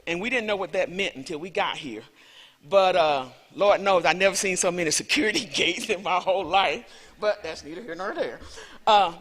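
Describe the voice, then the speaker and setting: Speaking at medium pitch with a slightly bright voice, a woman from Alabama with a Southern US accent gives a rambling, conversational conference talk as a visiting lecturer. She pokes fun at herself along the way, and the big lecture hall adds reverb.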